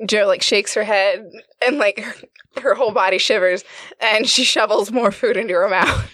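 A woman's voice: medium pitch, moderate pace, fairly bright tone, no echo. Giggly woman describing her character. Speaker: player. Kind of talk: tabletop role-play.

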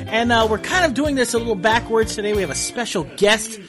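A man with a high voice hosts a casual podcast, introducing his guests one by one. He rambles and halts, leaning on fillers as he strings the introductions together. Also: fairly quick, over music. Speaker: podcast host. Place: comic book store.

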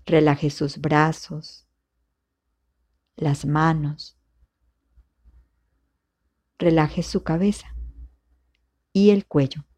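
A woman leading a guided meditation as instructor, giving calm, soothing, measured instructions with long pauses. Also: low-pitched.

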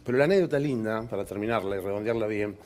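A man's voice: on the low side, quick pace, darkish tone, slight background noise. A man with a Rioplatense accent telling a personal story in an interview, reflective and checking in with the listener. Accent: Rioplatense Spanish. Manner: reflective, keeps asking "you know?". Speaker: interview guest. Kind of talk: candid anecdote telling.

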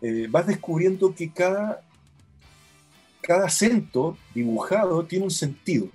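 A man's voice: high-pitched, expressive, a little slow, darkish tone, breathy edge, soft background music. A man, an app co-founder, patiently explaining how a product works in a demo.

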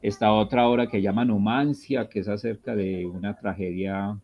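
Man teacher, low gravelly voice, emphatic and enthusiastic, dull lo-fi audio. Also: fairly even intonation, normal speed, a little hiss or hum. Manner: emphatic, enthusiastic about books, laughs often. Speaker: literature teacher, guest. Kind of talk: conversational interview.

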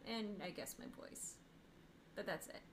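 A woman's voice: medium pitch, unhurried, a little hiss or hum. Wry young woman podcast co-host. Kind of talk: casual chat.

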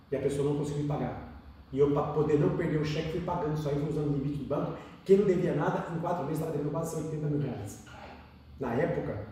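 Fast-talking Brazilian man, echoey room. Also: fairly high pitch, slight background noise. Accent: Brazilian Portuguese. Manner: rapid, animated, repeats phrases and acts out dialogue. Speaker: podcast guest telling his life story. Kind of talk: emotional personal storytelling in conversation. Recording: echoey room, distant mic.

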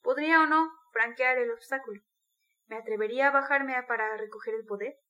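A woman's voice: a little high, brisk, sharp tone, lo-fi sound. A woman reading the part of a brooding, tormented young male student in an intense, bitter confession.

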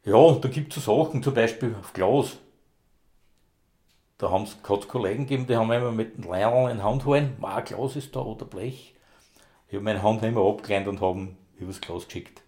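A man's voice: lowish voice, a little fast, warm tone. A man, a former rescue dog handler, telling long rambling anecdotes in broad dialect in a casual interview.

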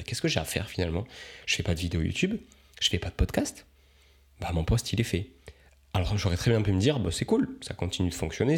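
A young man, a coach, musing aloud in a casual podcast monologue, rambling and reflective with many fillers and restarts. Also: deep voice.

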